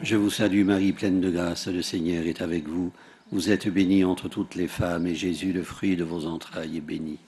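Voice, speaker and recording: A man leading a recited rosary outdoors at a lectern microphone, in a steady, measured voice whose lines fall away at the end. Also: low voice. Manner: steady, measured recitation with falling line ends. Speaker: prayer leader at an outdoor rosary. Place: outdoors at a large rock grotto.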